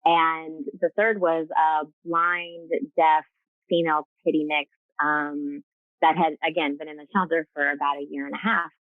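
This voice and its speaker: The guest on this casual video call is a rescue co-founder whose low voice shows little pitch movement and moves at a moderate pace. She talks earnestly with lots of fillers and restarts, and the tinny, phone-like audio has no room sound.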